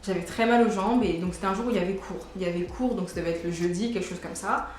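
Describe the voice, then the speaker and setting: A woman's voice: mid-range voice, quick pace, a little mellow. A woman in her twenties telling a personal story casually, full of fillers and restarts. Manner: chatty, many fillers and restarts. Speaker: vlogger. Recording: very echoey room with faint noise.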